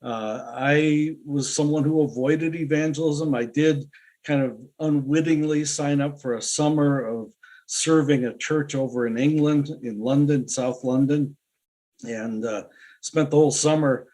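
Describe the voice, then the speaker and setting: A man's voice: on the high side, steady tone, a little slow, a little mellow. A man who is an author and podcast guest, talking earnestly in an interview, telling stories and laughing easily. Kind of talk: casual interview talk.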